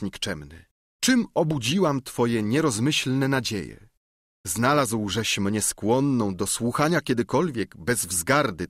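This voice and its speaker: A man voicing an impassioned young noblewoman who feigns fury, with vehement, declamatory outbursts, raised above his own pitch. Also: fairly bright tone, dry recording, clean studio sound.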